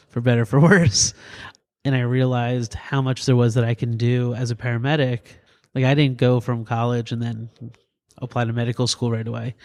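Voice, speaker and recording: A middle-aged man from New Jersey talks through his stories in a relaxed interview. His voice is of middling pitch, and he laughs often and leaps up in pitch for quoted lines. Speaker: guest, paramedic and EMS physician. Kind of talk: casual interview storytelling.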